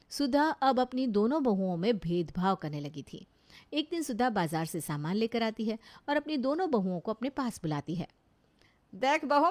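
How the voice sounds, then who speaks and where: A woman's voice: a little high, a little mellow. Woman narrating a family story.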